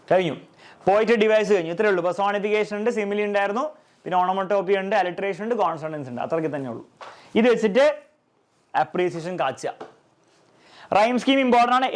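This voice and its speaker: High-voiced male teacher checking understanding. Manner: keeps checking if pupils understand; asks rhetorical questions and answers them. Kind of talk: exam revision lesson.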